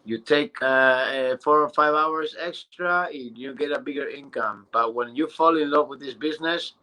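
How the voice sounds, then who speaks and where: A man in his thirties speaks in a bright, forceful voice as he gives a casual motivational testimonial. His delivery is eager but halting, full of fillers and restarted phrases. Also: medium pitch, rough recording. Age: 30s.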